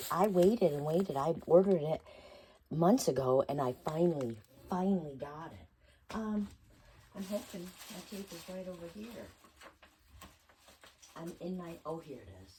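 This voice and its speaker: A woman with a hoarse, squeaky voice from being sick, cracking into whispery breaks as she chats casually and thinks aloud through a craft tutorial. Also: mellow, a little hiss or hum. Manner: rambling, thinking aloud while working. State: hoarse, squeaky voice from a feverish illness. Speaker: craft vlogger.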